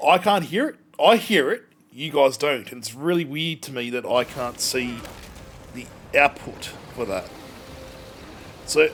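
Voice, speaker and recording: A man's voice: fairly high pitch, fairly bright tone. A man chatting casually on a game livestream, rambling in a mildly exasperated way. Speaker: game streamer.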